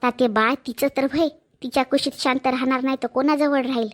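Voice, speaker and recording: Casting note: woman as a sharp-tongued, scheming village mother-in-law, voice sits high, scolds nonstop. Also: fairly even intonation, fairly quick, a little hiss or hum, close to an everyday voice. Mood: scornful. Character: harsh scheming middle-aged mother-in-law. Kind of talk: Marathi village family drama acting.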